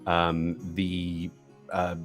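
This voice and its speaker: A man with a fairly low voice narrates a tabletop game. He feels his way haltingly through each description as game master, over background music. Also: completely flat delivery. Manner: halting, searching for words.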